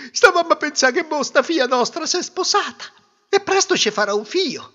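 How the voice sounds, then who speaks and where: A man's voice: pushed and bright, exaggerated voice. A man doing a foolish, lamenting old mother. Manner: high, lamenting cries. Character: foolish wailing mother of the bride. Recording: dull lo-fi recording.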